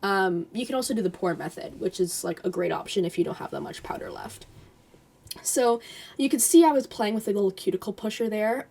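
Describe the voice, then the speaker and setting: A young woman giving a casual, chatty voice-over nail tutorial, with lots of fillers and a slightly hoarse voice. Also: mid-range voice, a little mellow. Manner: chatty, filler-heavy, self-deprecating.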